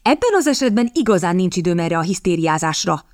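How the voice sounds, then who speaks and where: A woman voicing a determined, impatient young elder sister who talks briskly and with exasperation. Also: fairly low pitch, very animated, a little mellow, no room sound, clean studio sound. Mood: exasperated.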